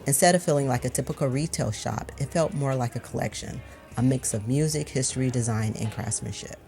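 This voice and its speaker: A vlog narrator reads a scripted travel voice-over at a middling pitch, measured and even in pace. Calm and steady, the delivery sits over soft background music.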